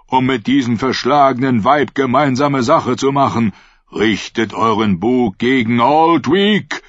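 A man voicing a fervent prophet in an audiobook, preaching to his followers in a slow, raised, solemn manner. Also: medium pitch, dry recording, voice pushed up. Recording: dull lo-fi dry recording.

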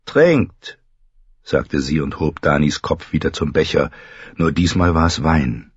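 A man with a very deep, husky voice reads a fantasy story at an unhurried pace. The recording is dry and close, a little muffled in the highs, and his delivery stays measured and even. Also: dry recording. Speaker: audiobook narrator. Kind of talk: scripted fantasy narration.

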